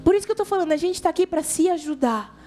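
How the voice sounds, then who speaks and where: Speaking to young people at church, a Brazilian-accented woman preaches informally through stories, using everyday language, talking straight to her audience and performing the dialogue. Her very high-pitched voice is animated and warm, and she talks quickly.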